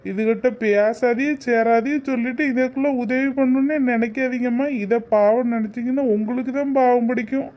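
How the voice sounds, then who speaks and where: A man's voice: very high-pitched, fairly even intonation, moderate pace, lo-fi sound. A man voicing a bitter young man who speaks angrily and resentfully. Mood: angry. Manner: angry, resentful. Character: bitter young village man, disowning his mother.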